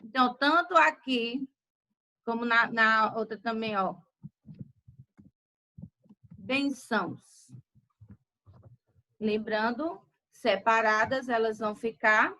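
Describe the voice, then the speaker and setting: A woman teacher, slowly dictating words in a grammar lesson. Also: a little high, sharp tone, rough recording. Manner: slow, deliberate word-by-word dictation.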